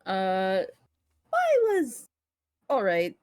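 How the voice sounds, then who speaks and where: A woman's voice: mid-range voice, wildly swooping pitch, extremely slow, darkish tone, a little hiss or hum. A woman co-hosting a casual podcast, laughing often and swearing freely as she chats. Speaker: podcast co-host. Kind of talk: casual chat.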